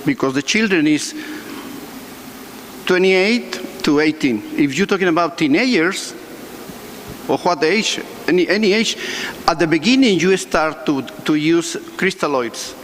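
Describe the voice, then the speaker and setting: A man answering an audience question as a conference speaker, off the cuff, with halting, non-fluent phrasing. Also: a little high, lively intonation, a bit bright. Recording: echoey hall with background noise.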